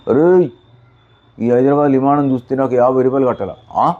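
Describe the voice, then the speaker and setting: A man voicing a bullying street thug who waves a knife and shouts demands for money, in a comic sketch. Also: medium pitch, very animated, fast talker, lightly acted. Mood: threatening. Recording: dull lo-fi recording.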